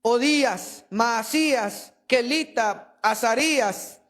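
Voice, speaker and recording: A man's voice: very high-pitched, slow, fairly bright tone. A man preaching a sermon in a church with emphatic, rhetorical delivery, addressing listeners as brother.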